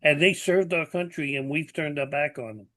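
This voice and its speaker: A man in his seventies hosts a podcast interview, speaking earnestly and plainly in a conversational way and leaning on fillers like "you know." His voice sits on the high side and is fairly bright, delivered at normal speed.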